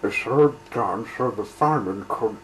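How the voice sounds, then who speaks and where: A man reading a children's train story aloud in an unhurried, gentle storytelling manner. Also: on the low side. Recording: roomy with faint hiss.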